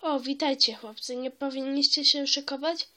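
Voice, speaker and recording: A cold, contemptuous mother snaps and scolds in a storybook reading, voiced by a woman. Her voice sits high and bright, sharp with scorn. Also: steady tone, moderate pace. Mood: scornful. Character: harsh scornful cave-dwelling mother.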